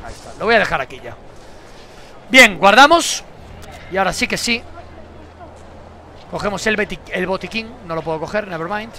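A young man, streaming a game with casual commentary, swearing and bursting into shouts. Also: high-pitched, expressive, normal speed, pauses often, a little hiss or hum.

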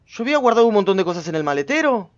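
High-voiced chatty gaming streamer. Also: male voice, sing-song, rapid-fire, highs cut off. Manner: chatty, talks to himself and viewers, sudden loud outbursts. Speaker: gameplay streamer. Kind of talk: casual gameplay commentary.

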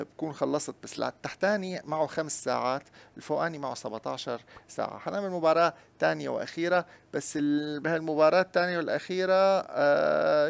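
Guy doing a mobile game lets play, kinda high voice, chats to viewers and gets loud when hyped. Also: vocal fry. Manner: chatty, talks to viewers, gets loud and excited during play. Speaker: gaming YouTuber.

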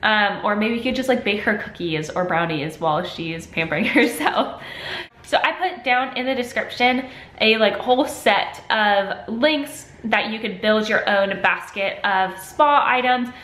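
Sniffling from a cold, a lifestyle vlogger in her twenties chats to the camera in her echoey home kitchen, the camera at desk distance. Her voice is medium-pitched and a bit bright, a little slow, and she's chatty, gesturing a lot with her hands.

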